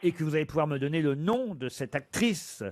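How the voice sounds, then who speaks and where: A man's voice: a little high, lively intonation, brisk, a little mellow. A man hosting a radio quiz, teasing his panel and reading out prize promotions in a playful way. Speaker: radio game show host.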